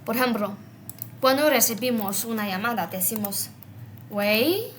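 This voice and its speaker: Slow woman teaching words, bright voice, bit of hiss behind. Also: a little high. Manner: explains word by word, repeats and stresses Chinese words. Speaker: Chinese language teacher. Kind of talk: slow vocabulary lesson.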